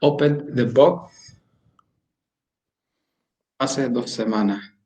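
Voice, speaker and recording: Slow hesitant male student. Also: mid-range voice, mellow, muffled recording. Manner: slow, hesitant, thinking aloud. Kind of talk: answering in an online class.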